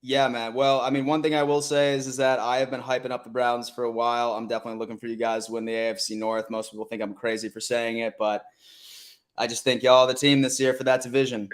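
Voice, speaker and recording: Here a man in his thirties from Buffalo, New York, hosts a casual sports call-in stream. His voice is medium-pitched and level, and he talks fast. He's laid-back, says "man" a lot, and hypes up his guests.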